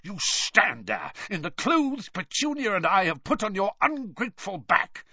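A man's voice: high voice, sing-song, bright, forceful tone, slightly rough, no echo, muffled recording, voice pushed up, heavily acted. A man voicing an irate, blustering middle-aged British uncle who spits, hisses and halts over his emphatic words in an audiobook. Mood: outraged. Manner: spitting, hissing, halting and emphatic.

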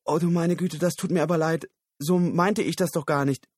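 A flustered young office woman gushes apologies in a raised, bright tone, as a male reader puts her on. The voice sits well above a man's usual range and comes across crisp and dry, like close-miked audiobook reading. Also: on the high side, fairly even intonation, normal speed, dry recording, voice pushed up, close to an everyday voice. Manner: gushing, apologetic.

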